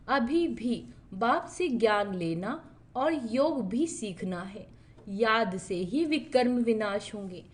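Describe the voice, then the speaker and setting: Woman, slightly high voice, unhurried devotional reader, steady recited delivery of a spiritual lesson.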